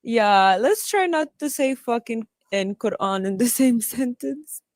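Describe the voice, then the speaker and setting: A woman's voice: on the high side, expressive, unhurried, darkish tone, dry recording, clean studio sound. A woman joking and swearing in a casual video-call chat.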